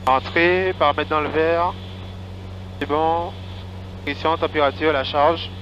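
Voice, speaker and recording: A man's voice: fairly high pitch, steady tone, slow, fairly bright tone. A man working as a pilot, calling out checklists and radio calls in a small aircraft cockpit. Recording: dull cockpit audio with engine hum.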